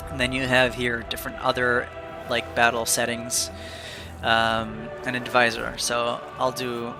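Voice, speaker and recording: A man's voice: mid-range voice, completely flat delivery, measured pace, over music. A man narrating a beginner's video game tutorial in a casual, rambling, upbeat way, with many fillers and restarts. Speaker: gaming video creator.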